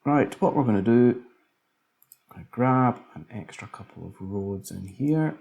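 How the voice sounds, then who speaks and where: A man's voice: mid-range voice, animated, unhurried, gravelly, darkish tone, muffled recording. A man casually commentating a city-building game, musing aloud as he builds, tired late at night. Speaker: let's play commentator.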